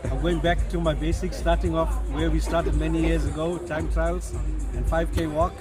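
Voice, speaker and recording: A man's voice: fairly high pitch, flat delivery, moderate pace. A middle-aged South African man chatting informally and encouragingly in a casual interview. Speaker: club runner being interviewed. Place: outdoors at a running club event. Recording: busy outdoor crowd, loud music behind.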